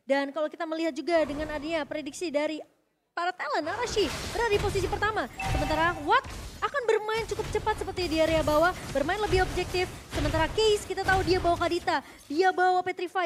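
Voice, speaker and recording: A woman's voice: very high voice, quick pace, noisy background. A woman with an Indonesian accent giving analytical commentary as an esports caster. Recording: music behind the voice.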